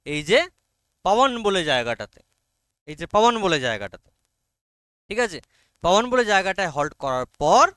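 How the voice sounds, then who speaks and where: A man's voice: sits high, bright, forceful tone, smooth, no room sound. A man teaching an online class with a Bengali accent, explaining an English text line by line and often checking whether students follow. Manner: coaxing, repeatedly checks understanding, reads English lines very slowly.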